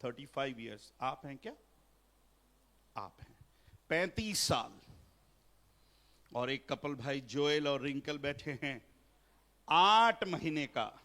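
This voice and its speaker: In a church hall, a middle-aged pastor preaches a Hindi sermon at a family seminar, slipping in English phrases and joking with the congregation. His mid-range voice is bright, forceful and animated, delivered slowly with long pauses.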